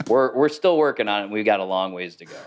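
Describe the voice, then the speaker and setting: Podcast guest, male, low-pitched, explains at length in a relaxed interview. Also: fast talker, clean tone. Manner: thoughtful, explanatory, with fillers. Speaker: guest, AI consultant. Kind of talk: casual interview talk.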